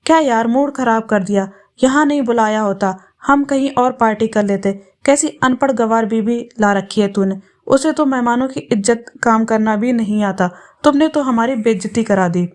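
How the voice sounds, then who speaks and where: A woman's voice: fairly high pitch, moderate pace, hardly any pauses, darkish tone, lightly acted. Woman doing grumbling male party friends. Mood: annoyed.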